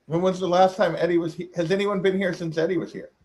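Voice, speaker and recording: A man's voice: sits high, little pitch movement, quick pace, a little mellow, low-quality recording. A man playing a tabletop role-playing game, chatting casually as he states what his character does.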